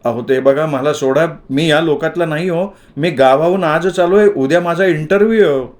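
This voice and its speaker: A man's voice: fairly high pitch, normal speed, a little mellow, lightly acted. A man voicing an earnest young man from a village, pleading and protesting his innocence.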